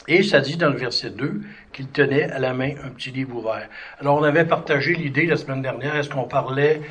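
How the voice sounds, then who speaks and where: A man's voice: fairly high pitch, a bit bright. Man teaching a Bible lesson. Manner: conversational, with many fillers and restarts, reads scripture aloud. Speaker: preacher teaching a Bible study. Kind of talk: sermon-style Bible teaching.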